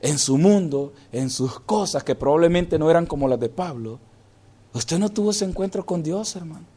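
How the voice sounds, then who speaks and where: A male pastor preaching a sermon, calling listeners "hermano" as he moves between hushed and raised delivery. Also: fairly high pitch, animated, normal speed.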